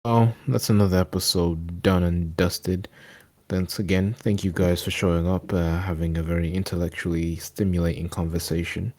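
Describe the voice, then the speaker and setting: A young man, hosting a casual podcast chat in a calm, laid-back way. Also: sits low, normal speed. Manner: laid-back, wraps up with a calm put-on radio voice. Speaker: podcast host.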